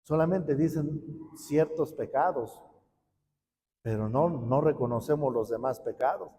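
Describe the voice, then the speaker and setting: Priest preaching in echoing church. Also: male voice, mid-range voice, a little slow, dark tone, a little hiss or hum. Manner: conversational, acts out parishioners' thoughts in voices. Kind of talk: Sunday homily. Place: parish church. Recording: reverberant church hall with faint ambience.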